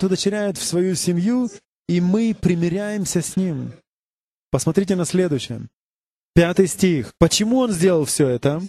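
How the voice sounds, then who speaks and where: A man's voice: fairly high pitch, warm tone. A man preaching a sermon, earnestly asking the congregation questions. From United States.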